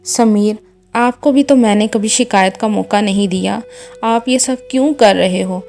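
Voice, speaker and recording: A woman's voice: mid-range voice, gravelly, darkish tone, soft background music, close to an everyday voice. A woman voicing a young wife who pleads tearfully with her husband and mother-in-law. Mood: pleading.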